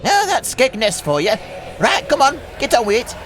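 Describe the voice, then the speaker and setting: A man's voice: very high-pitched, huge pitch swings, normal speed, a bit bright, a little hiss or hum, heavily acted. A man playing a cheeky boyish comic performer with a brash, showy manner. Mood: scheming. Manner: brash, showy, rolling alliterative verse. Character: cheeky boyish comic partner Little Jimmy. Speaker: comic stage act.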